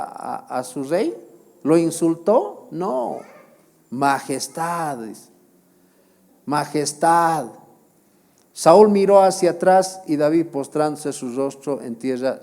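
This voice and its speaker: A man's voice: a little high, mellow. A male pastor preaching a sermon, with repeated phrases, rhetorical questions to the congregation and emphatic exclamations.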